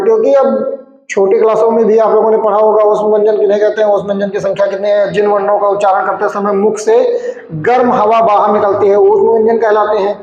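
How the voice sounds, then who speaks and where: Man, young, high voice, exam-prep teacher, answers his own questions, booming echo, muffled sound. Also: a little mellow. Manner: repeats questions and answers them himself, frequent "theek hai". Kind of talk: exam-prep Hindi grammar lesson. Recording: very echoey room, long reverb, dull sound.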